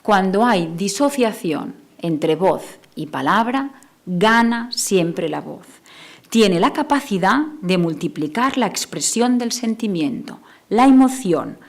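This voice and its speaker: A woman speech therapist, Catalan native, giving a conference talk, moving between a soft lowered voice and emphatic bursts. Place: lecture hall.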